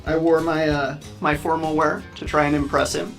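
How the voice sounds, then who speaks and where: A man's voice: on the high side, level tone, normal speed, a bit bright, faint music behind. A man, a photographer, talking eagerly and earnestly in an interview confessional.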